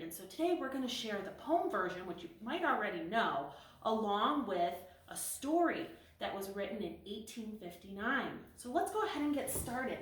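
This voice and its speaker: A woman reads a bedtime story aloud with a lively, rising and falling voice that sits a little high. She is set back from the mic in an echoey old bedchamber, so the sound is roomy and distant. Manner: gentle, expressive storybook reading. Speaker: museum storyteller. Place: bedchamber in a historic house.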